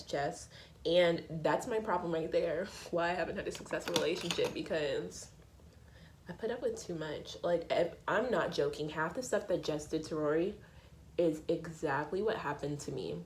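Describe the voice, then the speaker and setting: A woman in her twenties chatting casually as a beauty vlogger, telling stories while doing her makeup and acting out quotes in a higher voice. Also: a little hiss or hum, rough recording. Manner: animated, acts out quotes in a higher voice.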